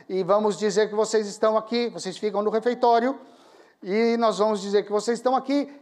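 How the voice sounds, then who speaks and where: A middle-aged male pastor telling a story in a sermon, animated and laughing at his own tale. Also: high voice.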